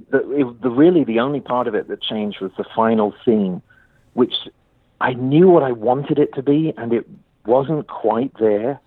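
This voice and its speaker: Playwright guy talking it over, bit husky, dry phone-line sound. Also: lowish voice, no room sound. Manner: thoughtful, rambling with restarts. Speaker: playwright guest. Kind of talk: interview conversation.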